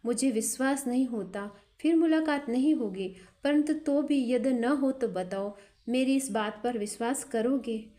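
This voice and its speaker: A woman's voice: fairly high pitch, measured pace, a little mellow, lightly acted. A woman voicing a proud, wounded young courtesan who teases and then pleads. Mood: pleading.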